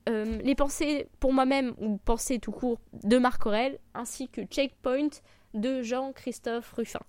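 A woman hosting an informal book podcast, sick, with a slightly broken, gravelly voice and a hesitant, self-deprecating way of talking. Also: fairly high pitch, a little mellow, dry recording. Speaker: podcast host. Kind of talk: informal book review podcast, unscripted talk.

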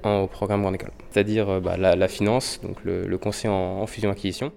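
A man in his twenties, a business student, introducing himself quickly with small restarts. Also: low voice, little pitch movement, creaky, a little mellow, a little hiss or hum. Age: 20s. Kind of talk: self-introduction.

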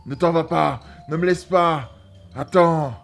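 An actor playing an aging chancellor who stammers and panics. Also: male voice, lowish voice, slow pace, faint music behind. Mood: panicked. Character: aging chancellor, terrified and pleading.

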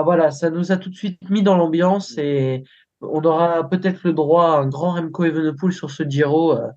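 A man's voice: on the high side, a little mellow. Man on a dull lo-fi remote line. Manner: halting, searching for words. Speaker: co-host pundit. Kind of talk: casual cycling analysis.

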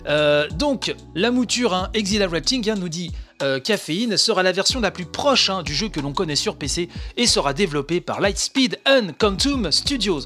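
A man's voice: high voice, sharp tone. A man hosting a video game news podcast, reading out articles with frequent asides and the filler "hein". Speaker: podcast host.

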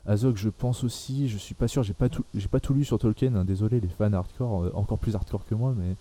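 A man's voice: on the low side, a little fast, dark tone. A young man hosting a casual film podcast, talking hesitantly with many fillers and restarts. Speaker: podcast host.

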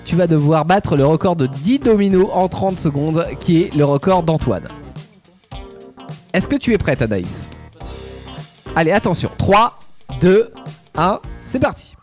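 A man's voice: fairly high pitch, big pitch swings, measured pace, pauses often, soft background music. A man hosting a radio show, announcing a game and teasing his co-hosts in playful banter.

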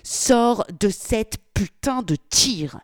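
A woman voicing a foul-mouthed, brutal male gangster who barks harsh orders in a loud voice. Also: low voice, expressive, normal speed, dry recording, clean studio sound. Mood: furious. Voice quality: harsh, swearing, barking orders.

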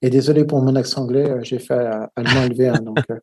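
A man's voice: mid-range voice, fairly even intonation, fast, noisy background. A man giving casual football match commentary and tactical analysis, talking hesitantly with many filler sounds.

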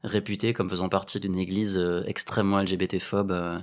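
A man's voice: low-pitched, level tone, a little fast. A man co-hosting a casual talk show, sharing wry, opinionated remarks. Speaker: podcast co-host. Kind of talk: casual chat.

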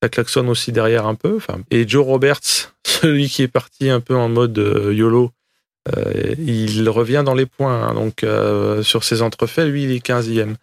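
Guy doing motorsport commentary race recap, slangy and jokey, bit of gravel, no room echo. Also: medium pitch, fairly even intonation, normal speed. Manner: colloquial, joking, slangy.

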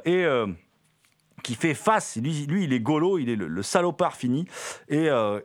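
Male film-review host, casual and enthusiastic, stumbling delivery with frequent fillers and restarts. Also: medium pitch. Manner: hesitant, many fillers and repeated words.

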